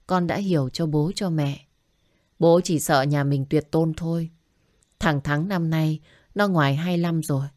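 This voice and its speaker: Narrator doing a gruff tired older dad in an audio story, deep, dry sound. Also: female voice, a little mellow, dry recording. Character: stern older father, weary and gruff.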